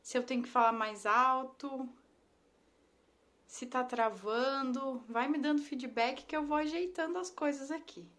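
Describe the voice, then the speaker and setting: A woman's voice: high voice, measured pace, a bit bright. A woman, hosting a casual live stream and greeting viewers by name in an affectionate way. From Brazil. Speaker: Instagram live host, ThetaHealing instructor. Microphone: phone or laptop mic on a live stream.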